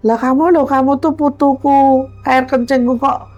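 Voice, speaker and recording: A woman with a Javanese accent voicing a possessive old male ancestral spirit who speaks in slow, commanding tones. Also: high-pitched, fairly even intonation, darkish tone, faint music behind, voice pushed up, close to an everyday voice. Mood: imperious.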